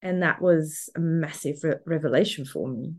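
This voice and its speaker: Swiss german accent lady in her 40s, cheerful podcast guest, lowish voice. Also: normal speed, slightly rough. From Switzerland. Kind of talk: podcast interview.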